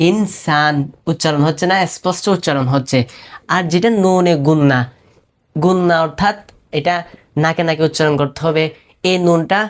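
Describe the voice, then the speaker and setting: In a beginner Urdu class, a female teacher moves patiently from term to term in a low, steady tone, repeating each one slowly and regularly stopping to ask whether it's clear.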